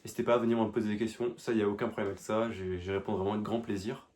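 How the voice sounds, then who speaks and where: Speaking very fast in a flat, lowish, darkish voice, a young man vlogs diary-style while stuffed up with a cold. He rambles, with lots of fillers and restarts. He records on a phone pointed at himself.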